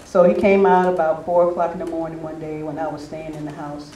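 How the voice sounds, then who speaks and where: At a spiritual retreat, an older man reminisces conversationally in an anecdotal talk to a gathering. His voice is fairly high with a dark tone, and his delivery is brisk and completely flat. The sound is roomy and distant, with faint noise.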